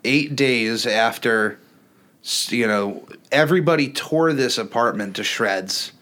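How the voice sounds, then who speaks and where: A man hosts a podcast in relaxed, casual conversation. He jokes around and talks loosely, tripping over restarts and filling pauses with ums and uhs. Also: medium pitch. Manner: loose, joking, many fillers and restarts. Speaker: podcast host. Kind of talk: casual chat.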